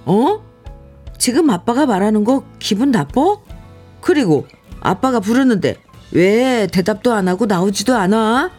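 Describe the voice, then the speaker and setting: A woman voicing a middle-aged father who loudly scolds his son. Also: on the high side, pitched above the performer's own voice. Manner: raised, scolding voice.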